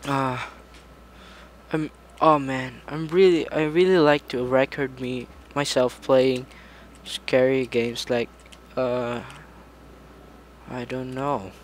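A man casually commenting on his own gameplay, rambling along and breaking into sudden excited outbursts. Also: mid-range voice, takes it slowly, pauses often. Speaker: gaming channel host.

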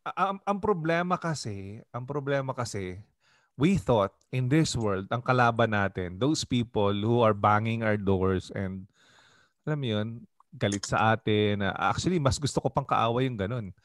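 A man's voice: on the low side, normal speed, no room sound. A Filipino man, a pastor, leading a Bible study in a conversational way and often asking the group questions. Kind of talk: Bible study teaching in mixed Tagalog and English.

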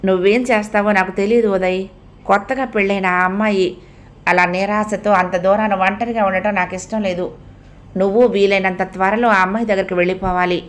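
A woman's voice: mid-range voice, steady tone, a little fast, natural voice. A woman reading the lines of a stern older mother who firmly warns her grown son. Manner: firm, insistent warning.

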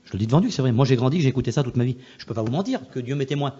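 A male pastor preaching a testimony at a rapid clip, his speech emphatic and full of repetition. He drops to a hush and then rises loud again as the story builds. The recording is dull and lo-fi. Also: mid-range voice, lively intonation, breathy edge. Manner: swings between hushed and loud passages.

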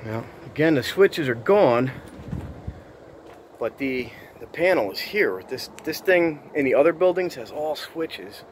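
An urban explorer vlogger narrates a casual walking tour through an overgrown abandoned site outdoors, relaxed, marveling aloud and addressing viewers as he walks. His voice is a little high, his pace measured, with slight background noise.

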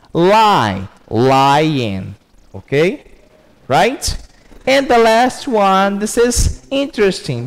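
Brazilian guy teaching a class, kinda high voice, takes his time, keeps asking ok?. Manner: explains step by step, checks in with frequent "ok?". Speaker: English teacher. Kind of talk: recorded class lesson.

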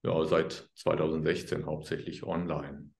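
A man speaking as an interview guest, explaining his work in a calm, earnest, unhurried way. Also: a bass voice, vocal fry, roomy sound. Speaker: guest, healer. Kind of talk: conversational interview.

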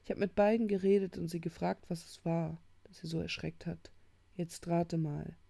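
A woman's voice: fairly low pitch, fairly even intonation, normal speed, gravelly, mellow. A woman voicing a worried teenage boy who talks urgently and insistently in a storybook reading.

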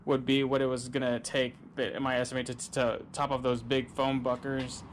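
A man's voice: medium pitch, completely flat delivery, normal speed, noisy background. Easygoing man talking through a boat build. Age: adult, father of a son. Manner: easygoing, practical, talks through each step. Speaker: boat-building channel host. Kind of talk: casual how-to narration while working. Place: outdoor driveway workshop beside a boat.

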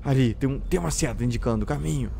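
A man with a Brazilian Portuguese accent giving let's-play commentary, jumpy and quick to yelp and swear when startled. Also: medium pitch, gravelly, background noise. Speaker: gameplay streamer.

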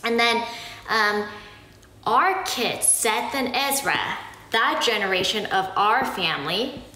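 A woman from Korea explaining something slowly and patiently, often checking in with "okay?". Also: a little high, expressive, sharp tone, reverberant, slight background noise, low-quality recording. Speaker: family vlogger explaining Korean naming. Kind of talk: casual explanatory talk to camera.

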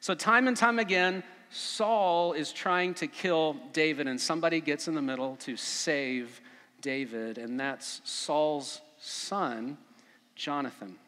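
A man's voice: a little high, slow pace. Man at a pulpit microphone, church reverb. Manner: casual and relaxed, with frequent fillers. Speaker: pastor. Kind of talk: conversational sermon. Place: church sanctuary.

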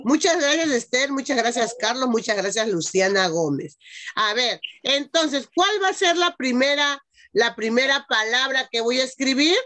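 This primary school teacher's voice sits high, bright and pushed, with lively intonation at a moderate pace. She is teaching young children online by video call, patiently dictating and breaking words into syllables.

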